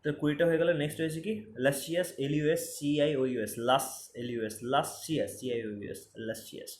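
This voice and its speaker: Spelling words one letter at a time and repeating them for emphasis, a man teaches spelling for exams. He talks fast, his voice on the high side with a darkish tone, captured with roomy echo and faint ambience.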